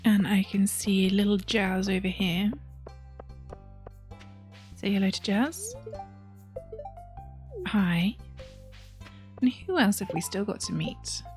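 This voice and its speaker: A woman hosting a let's play, chatting casually through her game and sometimes dropping into soft whispered asides. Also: mid-range voice, slow, long pauses, faint music behind.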